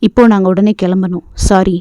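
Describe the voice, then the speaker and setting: A woman's voice: mid-range voice, level tone, a little fast, dark tone, dry recording, close to an everyday voice. A woman voicing a stern young husband in an audio novel, speaking curtly. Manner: curt, clipped. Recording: dull lo-fi dry recording.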